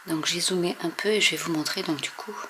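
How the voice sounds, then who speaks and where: A woman casually showing and testing inks, hesitating often with many fillers and often trailing off softly. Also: lowish voice, a little fast, a little hiss or hum. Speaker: craft video host. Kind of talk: casual product demo.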